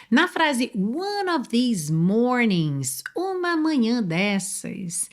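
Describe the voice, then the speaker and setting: Brazilian woman teaching English, slow and clear. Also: fairly high pitch. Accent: Brazilian Portuguese. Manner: explains patiently, slows and spells out words, asks the viewer questions. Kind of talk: online English lesson.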